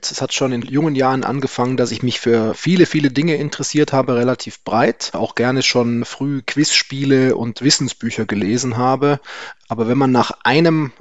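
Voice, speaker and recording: A man's voice: medium pitch, steady tone, normal speed, no room sound, dull audio. A man from the Allgäu giving enthusiastic interview answers as a quiz champion. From Allgäu, Bavaria.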